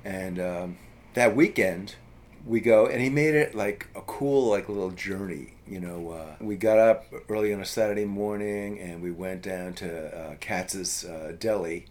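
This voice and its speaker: A man's voice: lowish voice, unhurried, darkish tone. A middle-aged man telling a childhood story in a casual chat, rambling with lots of fillers and restarts. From US East Coast.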